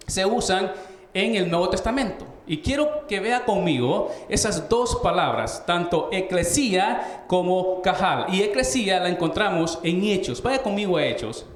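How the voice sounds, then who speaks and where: A man teaches the Bible in a sermon style, often asking his listeners rhetorical questions and restarting his phrases. His voice sits high for a man. The sound carries the echo of a roomy church. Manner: explanatory, asks rhetorical questions, frequent restarts.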